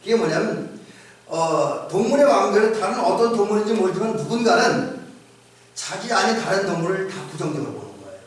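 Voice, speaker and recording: A male pastor giving a conversational sermon with frequent pauses and restarts, in an echoey church recording from a distance. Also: high voice, sing-song. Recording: echoey church sound from far off.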